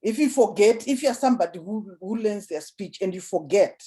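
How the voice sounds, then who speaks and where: A woman coaching on public speaking in an easy, conversational way, her voice mellow and warm at a middling pitch. She often stumbles and repeats a word before going on. She lets her voice sink quiet and low, then lifts it again. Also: animated, moderate pace. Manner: repeats and restarts words, drops voice low then lifts it to demonstrate. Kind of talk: casual spoken advice.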